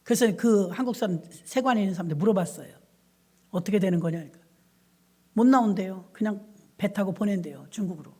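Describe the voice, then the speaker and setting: Speaking quickly at a medium pitch with a breathy edge, a middle-aged female pastor preaches through stories. She relates church anecdotes conversationally and with energy, now and then slipping into the voices of the characters.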